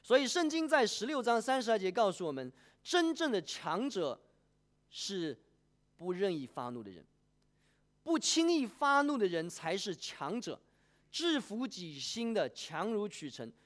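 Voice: medium pitch, unhurried. A preacher delivering a sermon, asking the congregation questions and polling them by a show of hands. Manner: animated, poses questions and polls the congregation.

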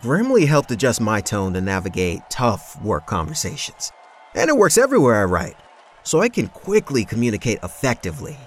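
A man's voice: medium pitch, wildly swooping pitch, brisk, slight background noise. A man playing an earnest office worker interviewed like a star athlete in a scripted ad. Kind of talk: scripted ad testimonial.

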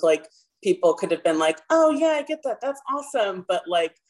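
A young woman with a slightly low voice talks casually as a podcast guest. She rambles with many "like"s and restarts, relaxed and chatty. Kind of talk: casual interview chat.

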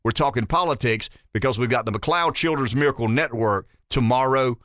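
Speaking a little fast in a mid-range voice, this fifty-something male talk radio host rambles animatedly and poses rhetorical questions while thinking aloud. The recording is dry and studio quality.

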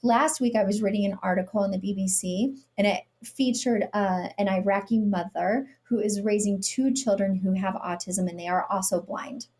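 A woman's voice: mid-range voice, steady tone, normal speed, few pauses, darkish tone. A middle-aged woman, a guest on a podcast interview, talking earnestly in a storytelling way and sometimes acting out what people said with a sarcastic edge. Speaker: guest, nonprofit CEO.

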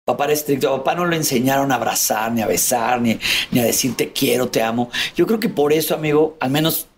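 A man's voice: mid-range voice, quick pace, a little hiss or hum. A middle-aged Mexican man candidly telling his childhood story as an interview guest, vividly acting out how his family talked. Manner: animated, acts out family members' voices, calls host "amigo".

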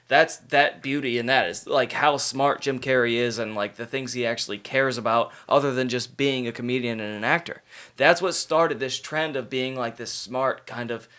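A man's voice: mid-range voice, a bit bright. A man hosting a casual podcast, talking in an enthusiastic, rambling and profane way. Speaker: podcast host. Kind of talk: casual chat.

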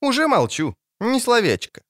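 A man's voice: very high-pitched, wildly swooping pitch, normal speed, voice pushed up, full character voice. A man voicing a cheeky young girl in an audiobook, pert and teasing. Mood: curious. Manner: pert, sing-song teasing. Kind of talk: audiobook character voice.

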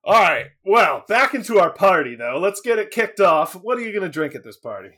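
A male podcast co-host in casual chat, with a slightly high voice that swings up and down. He talks animatedly and breaks into laughter often. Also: very animated, a little fast, sharp tone.

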